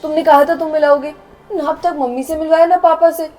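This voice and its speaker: A young woman with a very high voice acts in a scripted skit, scornful and scolding. Faint music plays behind her. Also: fairly even intonation, a little fast, mellow. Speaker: actress in a short drama.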